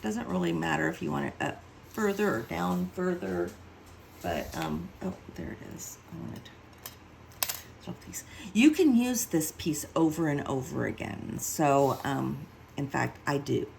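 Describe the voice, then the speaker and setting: A woman's voice: deep voice, very animated, a little slow, vocal fry, a little mellow, a little hiss or hum, poor audio. A woman giving a casual craft tutorial, chatty and self-mocking as she thinks aloud while working. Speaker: card-making demonstrator.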